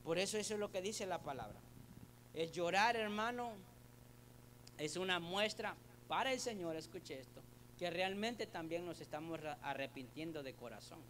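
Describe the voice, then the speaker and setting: A high-pitched man delivers a sermon in an earnest, conversational way. He calls the listener brother, repeats words while he gropes for the phrasing, and reads Bible passages aloud. A faint hum runs under the recording. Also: expressive, normal speed, a bit bright. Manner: addresses listener as brother, asks rhetorical questions. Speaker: preacher.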